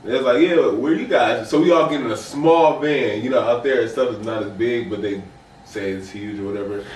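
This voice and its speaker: Recorded from a distance in a roomy space with faint noise and off-mic sound, a young man in his twenties co-hosts a podcast. His voice is medium-pitched, steady, and darkish, and he talks fairly quickly. In casual chat he rambles through long, slangy stories and acts out the quotes.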